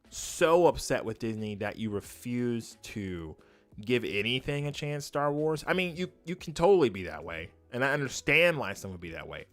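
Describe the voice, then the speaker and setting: A man's voice: medium pitch, fairly bright tone. A man giving casual, opinionated livestream commentary as a host, speaking emphatically and often repeating his phrases for weight. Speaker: YouTube host and streamer.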